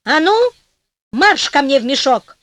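A woman's voice: sits high, sing-song, measured pace, fairly bright tone, no echo, full character voice. A woman voicing a clever, cheeky young man in a storybook tale, mock-modest and then commanding.

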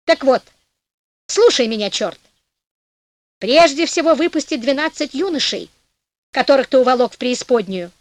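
Cheeky young storybook hero, wry and bossy, high lively voice, read by a woman. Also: moderate pace, long pauses, no room sound. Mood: commanding. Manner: mock-modest, then commanding. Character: clever, cheeky young man, bold.

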